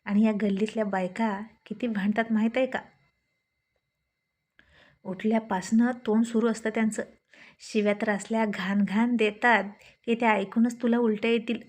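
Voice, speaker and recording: A woman's voice: on the high side, steady tone, moderate pace, pauses often, a little mellow, natural voice. A woman doing a scolding, motherly village aunt. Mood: homely. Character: older motherly village aunt, practical and kind.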